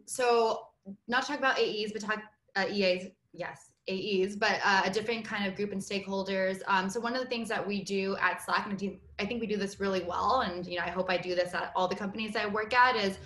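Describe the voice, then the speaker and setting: A woman's voice: medium pitch, a bit bright. Woman, 30s, panelist; casual, filler-heavy delivery, roomy webcam audio. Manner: chatty, quick, many fillers. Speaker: customer success panelist. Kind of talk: casual panel talk on a video call. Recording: roomy video call audio.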